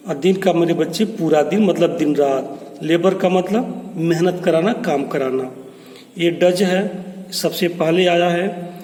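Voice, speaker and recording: A man's voice: sits high, darkish tone. A man teaching English poetry, explaining each word in Hindi and telling a story to his students. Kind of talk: poem explanation lesson. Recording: echoey room with long reverb.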